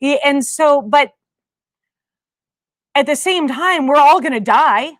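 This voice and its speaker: A woman's voice: sits high, expressive, slow pace, no echo, studio quality. A woman co-hosting a casual podcast chat, talkative and exasperated, filling her talk with "like". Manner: chatty, lots of "like" fillers, exasperated. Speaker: podcast co-host.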